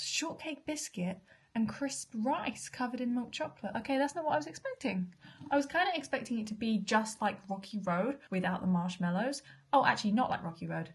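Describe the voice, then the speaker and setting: A young British food vlogger taste-tests food, chatting casually between bites and sometimes sinking to a half-whisper. She speaks with a British English accent in a husky, medium-pitched voice.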